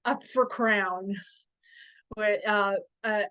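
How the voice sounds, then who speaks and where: A woman chatting as a podcast guest, telling stories in a hesitant way with frequent pauses and fillers. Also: medium pitch, fairly even intonation, bright, forceful tone, clear, resonant tone, rough recording. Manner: hesitant, with many fillers and restarts. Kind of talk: casual interview chat.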